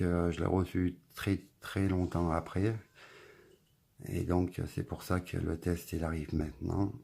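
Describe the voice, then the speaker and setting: Low gravelly man reviewing a phone. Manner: relaxed, rambling, filler-heavy commentary. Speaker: tech reviewer. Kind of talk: casual product review.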